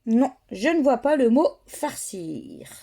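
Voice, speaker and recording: A woman narrates her ticket scratching in a slow, unhurried, methodical way. Her voice sits a little high but sounds warm and relaxed, never sharp. She spells out letters and words one at a time. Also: vocal fry. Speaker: YouTuber scratching lottery tickets. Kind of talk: casual running commentary.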